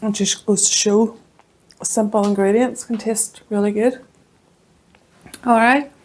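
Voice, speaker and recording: A woman's voice: mid-range voice, fairly even intonation, measured pace, darkish tone. A woman with a Northern Irish accent hosting a casual cooking vlog from her home kitchen, chatty and homely as she tastes her baking. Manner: chatty and homely, talks while tasting. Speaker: cooking channel host.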